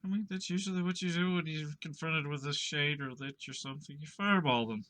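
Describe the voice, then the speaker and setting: A man's voice: on the high side, brisk, fairly bright tone. A man co-playing a fantasy text game, bantering casually as he goes. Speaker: co-player on a gaming show.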